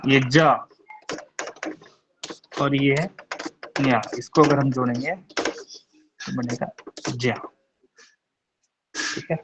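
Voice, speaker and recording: A man's voice: medium pitch, steady tone, fairly bright tone, slight background noise. A young man teaching a Sanskrit class online, patiently sounding out syllables one by one and checking in with his students. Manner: reassuring, repeats syllables slowly, often asks "theek hai?". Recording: dull lo-fi online class audio.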